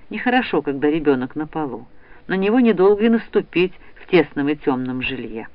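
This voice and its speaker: Male audiobook narrator, high and very animated, dry and close, slightly muffled sound. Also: dry recording. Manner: expressive reading. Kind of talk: storybook narration. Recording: dull, slightly lo-fi recording.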